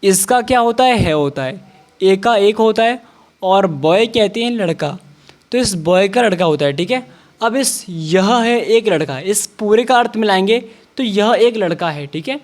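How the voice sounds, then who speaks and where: Guy teaching english real slow, spells out every letter then says the word. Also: high-pitched, animated.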